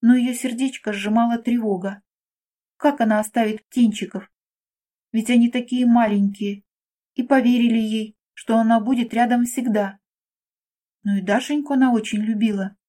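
Woman, children's story narration, gentle, mellow tone, slightly high voice. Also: steady tone, normal speed. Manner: gentle, storybook read-aloud.

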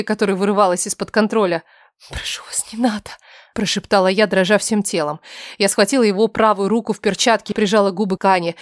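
A woman reading a first-person story aloud with a tense, emotional and often softened delivery. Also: medium pitch, no echo, clean studio sound. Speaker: audiobook narrator.

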